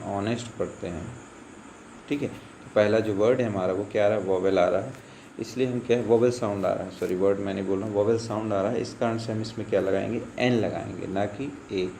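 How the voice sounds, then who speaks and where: A man's voice: on the low side, darkish tone. A male school teacher explaining English grammar, patiently asking and answering his own questions as he goes. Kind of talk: grammar lesson explained in Hindi. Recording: echoey room with faint insect noise.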